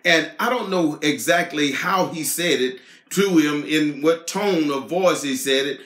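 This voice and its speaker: A man's voice: fairly high pitch, a little slow, a bit bright. A man teaching a Sunday school Bible lesson in an earnest, explanatory way. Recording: echoey room.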